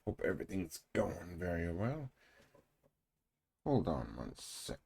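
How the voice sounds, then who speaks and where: A man's voice: low voice, sing-song, slow, gravelly, a little mellow, slightly rough. A man hosting his own live stream in casual chat, playful and joking, swearing freely. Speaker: streamer host.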